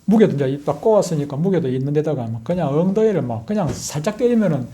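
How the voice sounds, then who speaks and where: A man's voice: a little high, fast. A middle-aged man, a pastor preaching a sermon and telling stories animatedly. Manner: animated storytelling, acting out scenes with loud outbursts. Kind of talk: sermon with personal storytelling.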